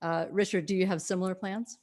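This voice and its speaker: Woman, somewhat low voice, event host, friendly, reads questions from the chat, video call. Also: fairly even intonation, a little fast, a little mellow. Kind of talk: moderating a live online Q&A.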